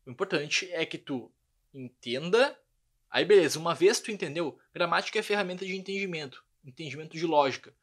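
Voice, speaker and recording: A young man giving a lively online language lesson, often checking in with his students. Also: a little high, brisk. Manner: lively explanatory, frequent check-ins. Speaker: language teacher.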